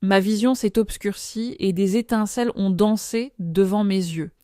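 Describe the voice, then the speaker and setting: A woman tells a dramatic first-person story at a measured pace, now and then slipping in a filler. Her voice is smooth and clear, recorded close and dry with no room around it. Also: medium pitch, warm tone, no room sound. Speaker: narrator.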